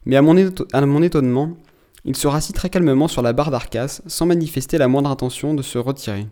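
A man reading a classic novel aloud, steady and measured in his storytelling, now and then stopping to restart a word. His voice sits at a middle pitch with a mellow, dark tone. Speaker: narrator. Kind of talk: audiobook narration of a classic novel.

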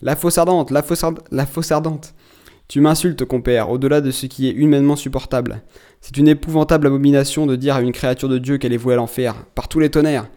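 A man's voice: medium pitch, little pitch movement, normal speed, warm tone, natural voice. A man voicing a hot-tempered old sea captain who blusters and roars when angered. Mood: raging.

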